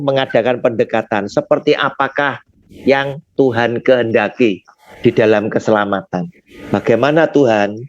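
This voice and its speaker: A man's voice: medium pitch, slight background noise. A man leading a Bible study, explaining points with rhetorical questions he answers himself and often addressing his listener as sir. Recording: dull lo-fi recording.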